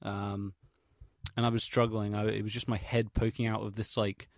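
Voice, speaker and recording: A young man from England with a fairly low voice records a casual audio log, miked close and dry. He rambles hesitantly through his memories in slangy, sweary, self-deprecating language, delivered flatly at a normal speed. He's a vlogger.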